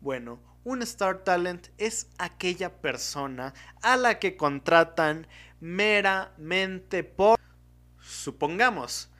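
A young man speaks in a slightly high-pitched voice. He talks casually and straight to his viewers. He rambles, backtracks and interrupts himself as new points come to mind. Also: lively intonation, takes it slowly, pushed and bright. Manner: chatty and digressive, self-interrupting. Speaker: video commentator. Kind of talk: casual monologue to camera.

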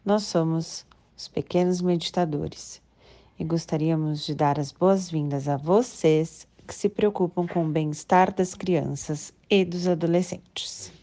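A woman's voice: low-pitched, steady tone, a little slow, mellow. A Brazilian woman giving a scripted welcome as a presenter. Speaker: presenter of a children's meditation series.

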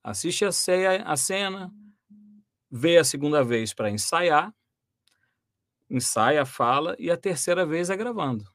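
A man from Brazil, a voice actor and dubbing director, explaining his work in a lively interview, with many restarts and fillers. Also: a little high, a little slow, pauses often, no room sound, studio quality. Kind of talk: interview conversation.

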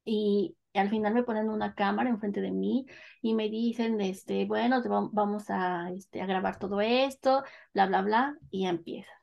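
A woman telling a personal story in an animated, casual way, laughing as she goes. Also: medium pitch, normal speed, gravelly, highs cut off. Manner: animated, lively, laughs between phrases.

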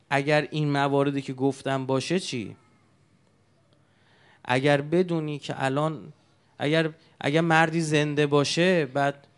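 Man, preacher, sermon, emotive storytelling, rhetorical questions, higher-pitched voice. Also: clean tone.

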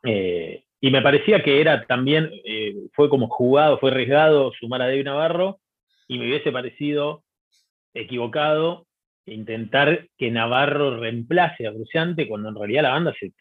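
A man talks through his thoughts hesitantly, with many fillers. His voice is husky, and it comes through a tinny, phone-like line. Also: mid-range voice, normal speed. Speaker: panelist. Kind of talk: casual music debate.

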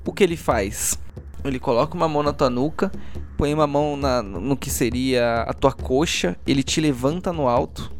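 Acting as game master, a man with a Brazilian accent improvises narration, laying out the action step by step and checking back in with the players. His voice is a little high.

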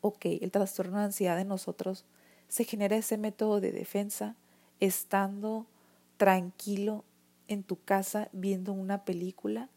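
Unhurried and flat, this medium-pitched, mellow female voice belongs to a Mexican-accented vlogger telling her own story to camera. Her manner is earnest and emotional, marked by restarts and plenty of "o sea."

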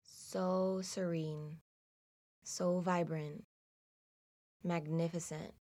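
Low-voiced woman guiding a slow meditation. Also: level tone. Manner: slow, soothing, hushed delivery with long pauses. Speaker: guided meditation narrator. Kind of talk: guided meditation, scripted narration.

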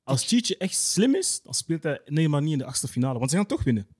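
A young man chatting about football, excitable and full of quick exclamations. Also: fairly high pitch, slightly rough. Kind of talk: casual football chat.

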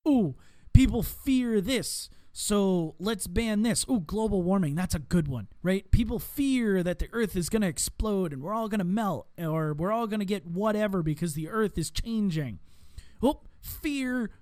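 A man's voice: high-pitched, darkish tone, no room sound, clean studio sound. A man hosting a podcast, delivering a rambling political commentary monologue with sarcastic asides. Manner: rambling and sarcastic, with mocking voices for opponents. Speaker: podcast host.

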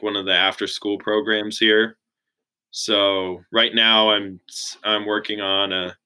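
A young man in his twenties chatting casually as an interview guest, relaxed and full of "like" fillers. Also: fairly low pitch, clean tone, rough recording. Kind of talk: casual chat.

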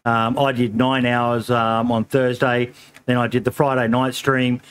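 Easygoing and rambling, the middle-aged man running this casual podcast says um a lot and calls people mate. His voice sits at medium pitch with a slight hoarseness.

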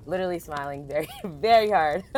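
A woman's voice: sits low, lively intonation, normal speed, slight background noise. A woman hosting a podcast, introducing her guest with gushing enthusiasm and casual asides like "y'all". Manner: effusive, peppers speech with "y'all" and "like". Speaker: podcast host. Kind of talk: podcast interview.

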